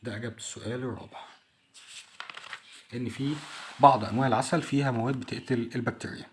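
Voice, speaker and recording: A man with an Egyptian Arabic accent, explaining an English textbook lesson in a chatty way, saying each English word slowly and translating it. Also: mid-range voice, fairly even intonation, a little hiss or hum. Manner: chatty, addresses the listener directly. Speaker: English teacher.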